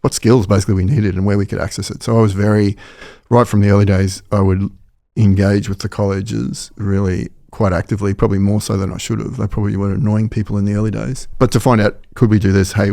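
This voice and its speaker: A middle-aged Australian man speaking as a podcast guest, rattling along at a brisk clip in a fairly low, mellow voice. He sounds keen and chatty and circles back over his phrases as he works out his thoughts. The sound is close and dry, with almost no room around him. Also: steady tone, gravelly, no echo. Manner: quick, enthusiastic, repeats phrases while thinking. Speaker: podcast guest, company founder. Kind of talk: casual interview talk.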